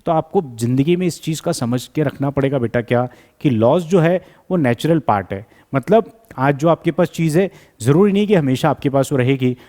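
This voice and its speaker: Man giving a slow, drawn-out revision lesson. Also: on the high side, expressive, dark tone. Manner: switches between Hindi and English, reads English lines slowly and deliberately; checks in often with students, calls them "beta". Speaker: English teacher.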